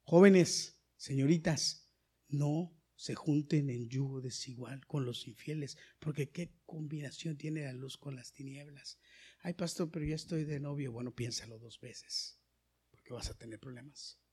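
A male pastor preaching a sermon in a church, swinging between loud exhortation and hushed asides, and questioning the congregation directly. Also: mid-range voice, fairly even intonation, a little slow, husky.

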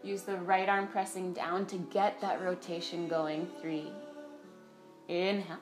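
A woman's voice: lowish voice, flat delivery, a little slow. Woman leading yoga in an echoey room. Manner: directive step-by-step cueing with breath counts. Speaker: yoga teacher. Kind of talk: guided yoga class instruction. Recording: roomy echo, faint music behind.

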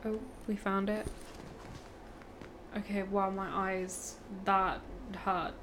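Woman, from Punjab, artist, playful casual chat, mid pitch, faint background hiss. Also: flat delivery, slow. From Punjab, India. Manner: chatty, playful, opinionated. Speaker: artist, podcast guest.

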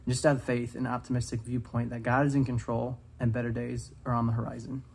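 A young man in his twenties delivers a devotional talk as a student speaker, sincere but casual and full of "um"s, including scripture read aloud. His medium-pitched voice is creaky and darkish with a breathy edge, level in tone and a little fast.

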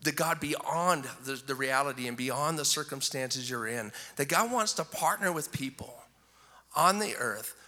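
A male pastor preaching an animated, enthusiastic sermon, often repeating words as he gets excited. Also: mid-range voice, a little slow, big-room sound.

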